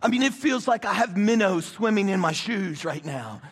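A man with a very high, husky voice preaching a sermon from a church stage. He is soaking wet and cold, and he swings between loud emphatic bursts and hushed, low lines. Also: expressive, moderate pace. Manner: emphatic preaching with rising bursts and soft drops. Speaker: pastor.

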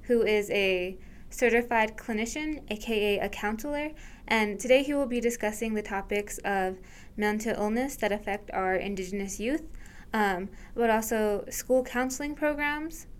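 A woman's voice: mid-range voice, normal speed, smooth. A woman hosting an interview, giving a prepared introduction and questions, recorded in an echoing school hallway. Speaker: interviewer, host. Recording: echoing hallway, light background noise.

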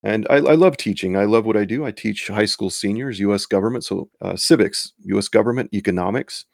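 Gravelly, hoarse man. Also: on the low side, fairly quick, a little mellow, no echo, studio quality. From United States. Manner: earnest, rambling, with frequent restarts. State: hoarse after losing his voice. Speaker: podcast host and high school teacher. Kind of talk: solo commentary podcast.

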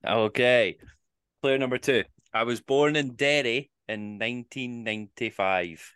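A man's voice: medium pitch, unhurried, a bit bright, clear, resonant tone, dry recording, studio quality. A man with a Scottish accent hosting a casual quiz podcast, teasing the players and reading the clues in the first person. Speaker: quizmaster.

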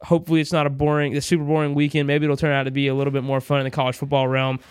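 A man's voice: mid-range voice, completely flat delivery, rapid-fire, clear, resonant tone, dry recording. A man hosting a sports podcast, chatting casually with an earnest, emphatic manner.

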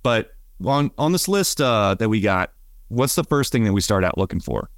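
A man's voice: on the low side, sing-song, moderate pace, dry recording, studio quality. A man co-hosting a podcast in casual chat, rambling and chatty with frequent fillers. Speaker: podcast co-host, bonsai nursery worker.

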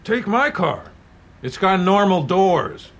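A man's voice: sits high, very animated, takes it slowly, heavily acted. An actor playing an older father who teases his grown son fondly, in an audio drama. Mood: teasing.

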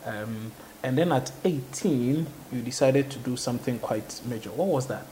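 A man's voice: mid-range voice, normal speed, dark tone, slight background noise, low-quality recording. A man interviewing a guest, attentive and prompting her with frequent short murmurs. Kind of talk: interview conversation.

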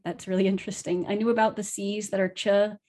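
A woman's voice: mid-range voice, flat delivery, quick pace, a little mellow. A woman hosting a casual discussion as a Latin teacher, asking questions and reciting Latin lines. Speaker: podcast host and Latin teacher.

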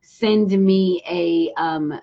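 A middle-aged woman, hosting a live talk show and telling a frank, profane story with lively quoted voices. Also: fairly low pitch, very slow. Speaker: show host. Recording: dull lo-fi sound.

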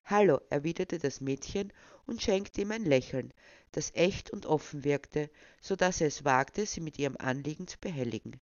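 Measured storyteller on a dull, dry recording. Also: mid-range voice, lively intonation, no echo. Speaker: narrator. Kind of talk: audiobook story reading.

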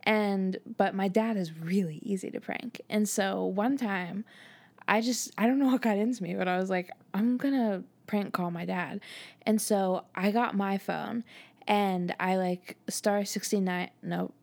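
A woman's voice: mid-range voice, fairly even intonation, measured pace, a little mellow. A young woman co-hosting a casual podcast chat, telling stories with frequent giggles. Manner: giggly, chatty storyteller. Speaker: podcast co-host.

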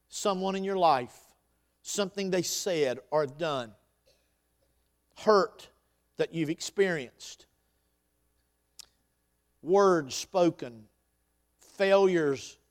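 A man preaching as a pastor, exhorting emphatically and moving between loud declarations and quieter conversational asides. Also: on the high side. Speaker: pastor preaching to his congregation. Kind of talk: sermon with scripture reading.

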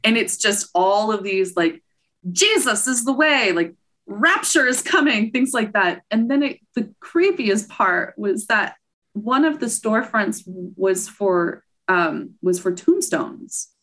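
Speaking slowly at a medium pitch, a woman appearing as a podcast guest chats casually about her road trips. She tells the stories with animation, giggling often and quoting her own lines.

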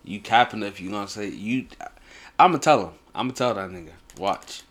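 Young american dude just chatting, kinda low voice, lots of slang n cussing, bro every line. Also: male voice, brisk, fairly bright tone. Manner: slangy, swearing, bro-heavy banter. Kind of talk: casual chat.

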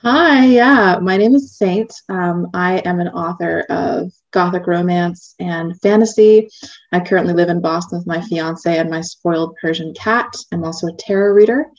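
A woman author, chatting about her novel and then reading a passage aloud with an eager, bright manner. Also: lowish voice, normal speed, highs cut off. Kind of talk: interview chat and book reading.

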